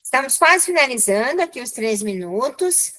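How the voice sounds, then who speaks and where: A woman's voice: high voice, sing-song, moderate pace, sharp tone, low-quality recording. A woman with a Brazilian Portuguese accent teaching a live online class over a video call, chatty and encouraging, checking in with her students again and again.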